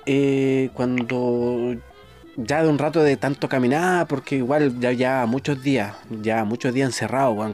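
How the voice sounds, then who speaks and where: A man's voice: mid-range voice, darkish tone. A man with a Chilean accent chatting casually as a podcast host, crude, slangy and joking. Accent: Chilean Spanish. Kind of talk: casual chat.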